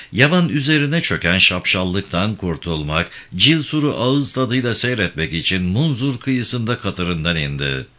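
A man reading a literary novel aloud in a measured, dramatic way. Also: deep voice. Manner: measured, dramatic reading with lively rises and falls. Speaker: audiobook reader.

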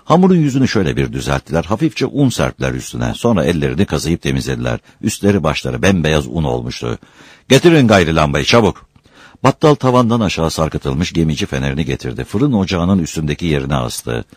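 A male storyteller reads an old village tale aloud with a deep voice that rises and falls freely. The reading is unhurried and expressive, and it is recorded close and dry, with no room sound. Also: husky, dry recording. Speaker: narrator.

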